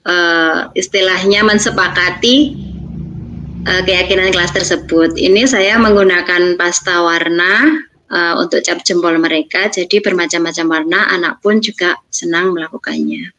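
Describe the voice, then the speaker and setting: A woman's voice: lowish voice, steady tone, moderate pace, bright, forceful tone, rough recording. A woman teacher from Indonesia giving a presentation on classroom practice, explaining steps plainly. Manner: explanatory, acts out teacher and pupil lines.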